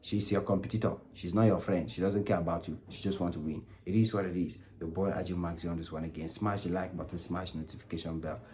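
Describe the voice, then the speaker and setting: Emphatic Nigerian man, lowish voice. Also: fast talker, few pauses. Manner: animated, emphatic, repetitive, asks "you understand?". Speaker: vlogger. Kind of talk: opinion commentary vlog.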